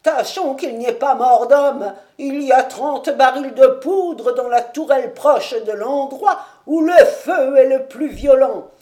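A woman's voice: on the high side, expressive, mellow, voice pushed up. Woman putting on a wailing old manservant, frantic. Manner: wailing, breathless, drawn-out cries. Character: frantic old male servant, loyal and scheming.

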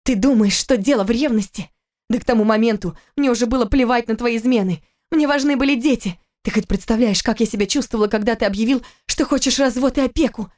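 A woman's voice: on the high side, brisk, darkish tone, pitched above the performer's own voice, lightly acted. A woman reading an audiobook, voicing a furious, bitter young wife and mother who accuses her husband in a raised, heated voice.

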